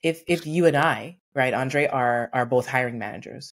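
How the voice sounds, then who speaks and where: Her voice is rumbling low and moderately paced as this forties-aged workplace consultant recounts stories during a video-call interview. Earnest and lively, she acts out each quote, seated in a home room with a painting in the background.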